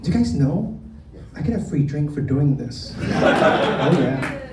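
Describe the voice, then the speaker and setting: Speaking slowly in a sing-song, mid-range voice, a comedian born in Vietnam works the crowd at a comedy club, ribbing them and talking straight to them. It's captured from far off in a roomy live club, with audience noise audible.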